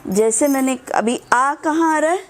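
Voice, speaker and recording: A woman teaching children to pronounce Sanskrit verses, drilling syllables slowly and patiently. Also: high voice. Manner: slow, patient drilling of syllables, mixing English words. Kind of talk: online class teaching.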